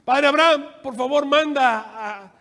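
A man voicing a tormented rich man who begs for water in a slow, pleading, raised voice. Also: very high-pitched, vocal fry, bright, forceful tone, big-room sound, voice pushed up, exaggerated voice.

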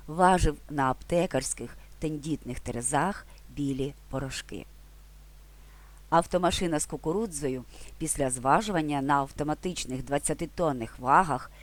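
This is a voice of middle pitch delivering a scripted language lesson. The speaker explains with care and slows down to lean on the key words and stresses. The tone is clear, measured and instructive throughout. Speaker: language teacher.

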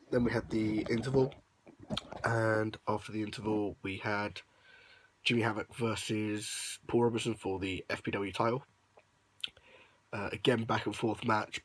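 Late at night, a young adult vlogger lies in bed and records a casual recap on a phone held close at arm's length. His low, rough voice is hoarse from shouting, and he sounds sniffly and under the weather. Still upbeat, he rambles on with plenty of ums.

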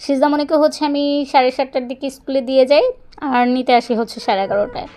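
A young woman walking outdoors in her neighborhood vlogs into a handheld phone in a chatty, meandering way with plenty of filler phrases. Her voice is high and mellow. She talks fast.

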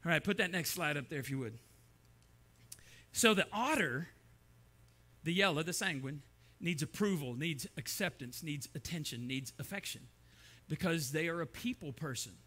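A man's voice: a little high, lively intonation, normal speed, long pauses, bright, forceful tone, slightly rough. A middle-aged man preaching a sermon, telling stories and acting out the voices in them. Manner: storytelling, acts out voices in his anecdotes. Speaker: pastor. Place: church sanctuary.

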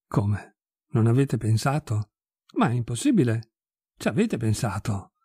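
Male reader doing a fussy, effusive older society lady, mellow and husky. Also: medium pitch, very animated, unhurried, dry recording, studio quality, pitched below the performer's own voice. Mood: shocked. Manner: effusive and fussy, turning cold and solemn.

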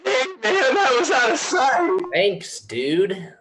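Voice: mid-range voice, wildly swooping pitch, takes it slowly, background noise, heavily acted. A performer reading the part of a young male band singer who jokes and teases, at a script read-through. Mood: joking. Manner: teasing, wisecracking.

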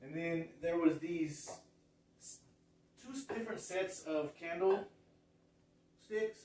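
Man, 30s, casual show-and-tell, slightly high voice, recorded far off in a roomy space. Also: slow, darkish tone. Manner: rambling, restarts phrases, points out details. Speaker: thrift reseller showing a haul. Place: living room, indoors. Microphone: far camera. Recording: echoey room, far from mic.

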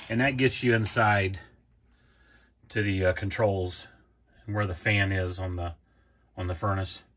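A man casually walking through his own furnace repair off camera, plain and unhurried, with many ums and restarts. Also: on the low side, a bit bright. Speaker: homeowner showing a repair. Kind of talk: casual DIY walkthrough.

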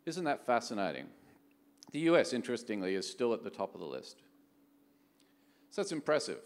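On a large conference hall stage, an Australian venture capital executive in middle age gives a keynote that feels conversational and leans on rhetorical questions. His voice sits mid-range, very animated and fairly quick, with the echoey sound and long reverb of the hall.

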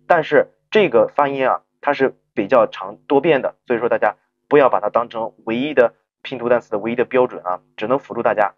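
A man teaching an English phonics lesson, stretching out model pronunciations slowly and often asking rhetorical check-in questions. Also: mid-range voice, dull audio, slight background noise. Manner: slow drawn-out model pronunciations between quick explanations.

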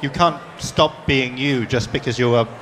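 A man's voice: mid-range voice, moderate pace, big-room sound, crowd noise. A man moderating a panel discussion, asking long questions with many restarts. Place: panel session at a book fair.

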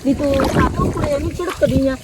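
A man's voice: extremely high pitch, steady tone, a little fast, very noisy. A man with a Punjabi accent playing a kindly village field worker who coaxes and soothes a crying boy. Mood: coaxing. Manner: soothing, coaxing.

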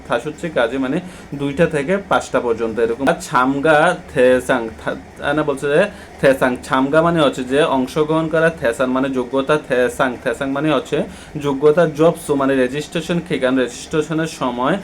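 Bangladeshi male language tutor, mid-pitched, halting, filler-heavy delivery, light background noise. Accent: Bangladeshi Bengali. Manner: hesitant, many drawn-out "ah" fillers between words. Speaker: Korean language teacher. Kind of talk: explaining textbook vocabulary.

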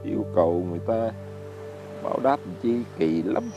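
An older man with a Southern Vietnamese accent acts in a fairy-tale drama as a poor, easygoing old fisherman who chuckles and hesitates while speaking. His natural voice is lowish and expressive at a normal pace. The recording is muffled, with loud music underneath.

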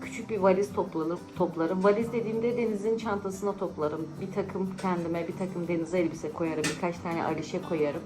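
A woman's voice: on the low side, fairly even intonation, moderate pace, few pauses, over music, low-quality recording. A tired woman vlogging in casual, teasing chat with friends at a friend's home. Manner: chatty, teasing, often laughing.

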